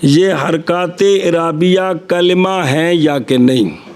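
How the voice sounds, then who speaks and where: A man's voice: on the high side, a little mellow. A man with a Punjabi accent teaching Arabic grammar in a classroom lecture, explaining in short phrases and prompting his students to repeat after him. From Punjab, Pakistan. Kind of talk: classroom lecture with call-and-response.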